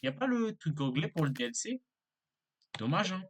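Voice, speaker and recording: A man's voice: a little high, big pitch swings, moderate pace, slight background noise. A man giving casual let's play commentary, hesitant and rambling with lots of fillers and apologies. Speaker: gaming YouTuber.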